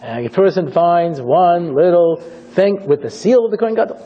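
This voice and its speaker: A man, a rabbi, giving an animated storytelling lecture and acting out scenes dramatically. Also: high voice, normal speed. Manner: dramatic, theatrical, acts out scenes. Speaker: rabbi teaching a class. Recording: dull lo-fi recording.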